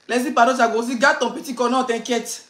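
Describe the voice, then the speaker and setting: Woman, high voice, laughing, teasing, echoey room. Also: fairly bright tone. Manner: chatty, laughing, teasing and ranting. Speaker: blogger and influencer. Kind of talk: casual live stream chat. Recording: roomy echo.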